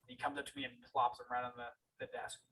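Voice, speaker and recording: Man, course instructor, bright forceful voice, animated storytelling, frequent restarts, video call audio. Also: mid-range voice, quick pace, vocal fry, rough recording. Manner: animated storyteller who acts out dialogue with repeated restarts. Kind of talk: personal story told on a group video call.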